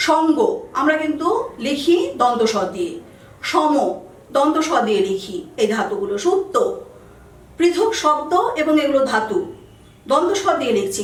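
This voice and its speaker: High pitched lady teacher going through spelling rules, slow careful word lists, echoey room. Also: recorded from a distance. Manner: careful, emphatic, lists example words one by one. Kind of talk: explaining spelling rules to students.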